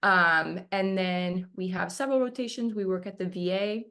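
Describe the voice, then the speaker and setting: A woman's voice: lowish voice, fairly even intonation, normal speed, fairly bright tone. A woman in her twenties from Argentina, a resident talking casually in an interview with lots of fillers. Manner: conversational, many fillers. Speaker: dermatology resident guest.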